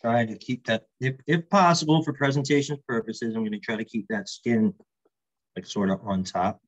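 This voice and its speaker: A man's voice: medium pitch, normal speed, muffled recording. A man working as a chef, giving a casual cooking demonstration and explaining as he goes. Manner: relaxed, explains as he works, chatty asides.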